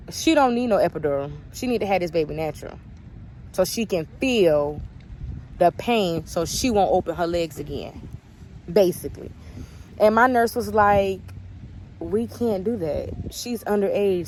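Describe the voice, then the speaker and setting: A woman's voice: fairly low pitch, darkish tone, slight background noise. A young woman answering viewer questions in a candid, chatty story-time vlog. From United States.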